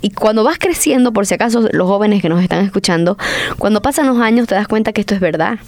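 A woman's voice: medium pitch, lively intonation, fast, a little mellow. A woman co-hosting a radio talk program, speaking earnestly and explaining things at length, using the informal "vos" forms. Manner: earnest, explanatory, uses voseo.

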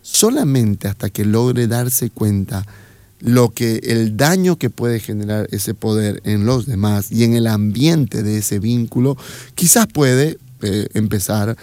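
A man's voice: fairly low pitch, slow pace, warm tone, no room sound. A man in casual conversation, hesitant and full of fillers, who acts out little dialogues.

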